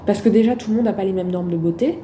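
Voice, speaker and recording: A loud-spoken woman talking casually to her phone camera in a vlog, with emphatic rhetorical questions and frequent hesitations. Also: medium pitch, quick pace, a little hiss or hum. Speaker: vlogger.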